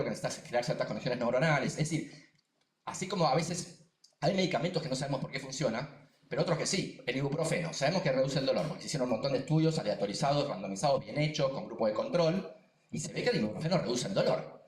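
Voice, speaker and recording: A man's mid-range voice reverberates in a lecture room as he gives an emphatic seminar talk in Rioplatense-accented Spanish. He works as a neuroscientist and science communicator, and he keeps things quick and animated, with plenty of repetitions and side remarks.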